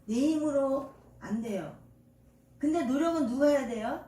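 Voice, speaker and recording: A woman's voice: sits high, unhurried, dark tone, slight background noise. An older woman pastor preaching a sermon, quizzing the congregation with call-and-response questions and homely, folksy examples. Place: church sanctuary. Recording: echoey church from far off.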